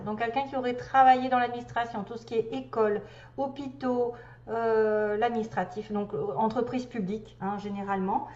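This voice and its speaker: A woman's voice: a little high, darkish tone. A woman doing a casual tarot card reading for viewers, thinking aloud and chatty as she turns each card. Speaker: tarot reader. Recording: echoey room, dull lo-fi sound.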